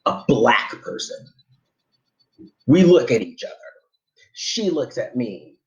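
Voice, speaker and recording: A man telling a funny personal travel story in an animated, conversational way. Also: medium pitch, slow, rough recording.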